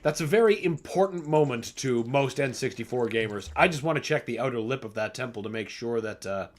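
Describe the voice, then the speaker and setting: A man's voice: mid-range voice, animated, fairly quick, slight background noise. A man hosting a gaming livestream, chatting casually and playfully and laughing often as he plays. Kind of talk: casual gameplay commentary.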